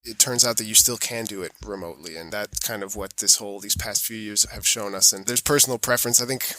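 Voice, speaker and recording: A man with an American accent speaks fast, with a fairly low pitch and a sharp tone, and there's no echo. Born in New York and raised mostly in Europe, he's a sustainability auditor appearing as a podcast guest, answering questions in an informal, self-effacing way.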